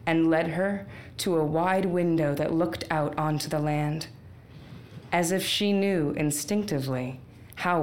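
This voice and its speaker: Woman, storyteller, low voice, slow, wry deadpan asides, faint background hiss. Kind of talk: live storytelling performance.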